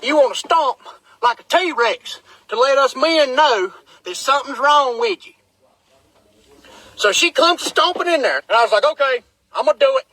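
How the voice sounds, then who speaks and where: A man telling a comic story from inside his truck, with incredulous, deadpan asides. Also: very high voice, a little slow, rough recording. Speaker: comedic storyteller. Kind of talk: comedic storytelling vlog. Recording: dry, close sound in a small cab.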